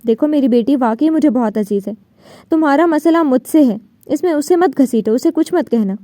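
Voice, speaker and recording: A woman's voice: high-pitched, lively intonation, warm tone, no echo, clean studio sound. A woman reading the part of an older father who begs and pleads, in an audiobook novel. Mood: pleading. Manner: pleading, begging.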